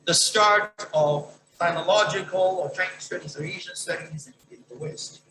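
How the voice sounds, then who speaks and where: A man lecturer answering an audience question in an academic Q&A, talking emphatically with wide swings in pitch. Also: bright, forceful tone. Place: lecture hall. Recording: echoey hall.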